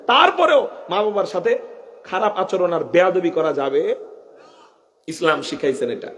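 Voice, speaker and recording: A young man, preaching an impassioned waz sermon, calling out to the crowd and chanting verses slowly. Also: high voice.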